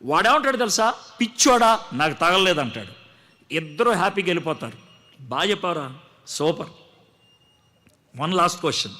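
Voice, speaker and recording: A man's voice: high voice, pushed and bright. A man preaching a testimony sermon to a gathering, telling his story dramatically and acting out the dialogue.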